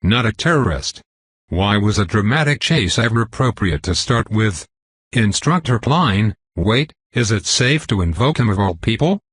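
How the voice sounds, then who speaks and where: A man's voice: on the low side, animated, normal speed, husky, no room sound. A man narrating a storybook, voicing a wry, rattled young male student. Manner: wry, rambling.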